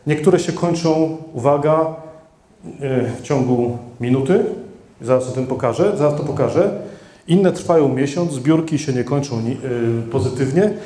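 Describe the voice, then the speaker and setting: A middle-aged man presenting at a conference, speaking into a handheld mic with plenty of fillers and self-corrections. His voice sits a little high but sounds mellow and dark. The hall gives it a roomy echo. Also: moderate pace. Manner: hesitant, many fillers and restarts, addresses the audience. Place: conference hall with seated audience. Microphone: handheld microphone.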